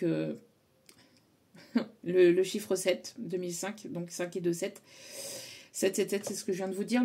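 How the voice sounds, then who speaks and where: A French woman talks viewers through a spiritual card reading in a mellow, soft-edged voice. She hesitates a lot, fills gaps with little sounds and restarts her sentences, and her pitch sits in a middle range. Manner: hesitant, many fillers and restarts. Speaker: tarot reader. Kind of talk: casual spiritual guidance talk.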